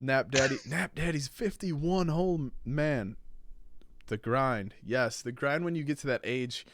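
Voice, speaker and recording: A man's voice: mid-range voice, unhurried, slight background noise. A man in his late twenties hosting a podcast in casual, rambling chat, full of "like" fillers. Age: late 20s. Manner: rambling, easygoing, many "like" fillers. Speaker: podcast host and streamer.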